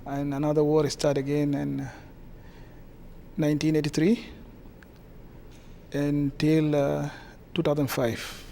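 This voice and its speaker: A man with a South Sudanese accent answers interview questions in a halting way, pausing often. His voice sits fairly high and stays flat, with a gravelly, mellow edge. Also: slight background noise. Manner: halting, many hesitations. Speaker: guest, community association president.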